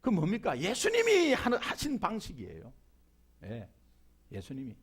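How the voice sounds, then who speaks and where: A middle-aged male pastor from Busan delivers a sermon in a Gyeongsang accent. His voice sits high and leaps all over the place, and he plays out the people he quotes with humor. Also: huge pitch swings, normal speed, husky. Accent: Gyeongsang (Busan) Korean. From Busan, South Korea.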